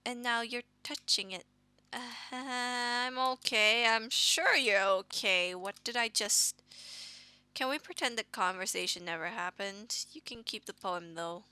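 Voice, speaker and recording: A woman's voice: fairly high pitch, bright, forceful tone, clear, resonant tone, no room sound. A woman reading a shy, flustered anime schoolgirl. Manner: nervous, halting, breathless. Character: shy, intense young woman in a visual novel.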